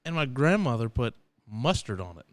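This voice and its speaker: A man's voice: mid-range voice, very animated, normal speed. A man co-hosting a live radio podcast, joking, swearing freely and laughing often. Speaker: podcast co-host. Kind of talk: casual live radio banter.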